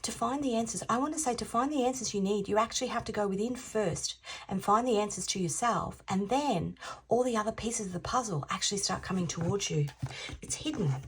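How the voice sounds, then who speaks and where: A woman in her fifties giving an intuitive tarot reading, musing aloud, repeating phrases and sometimes dropping into soft half-whispers. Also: mid-range voice, fairly quick, husky. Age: 50s. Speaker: tarot reader.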